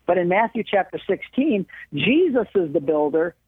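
A man's voice: high voice, very animated, moderate pace, slightly rough, no echo. A man, a guest on a radio show, heard over a phone line, explaining his points in an earnest, lecturing way. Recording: tinny dry phone line.

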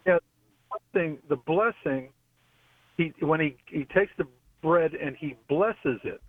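A man calling in to a radio show over a buzzy, glitchy phone line that cuts out. He speaks haltingly, often losing his thread and starting over. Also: a little high, no room sound. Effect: buzzy, glitchy phone call audio that cuts out. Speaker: caller. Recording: tinny dry phone line.

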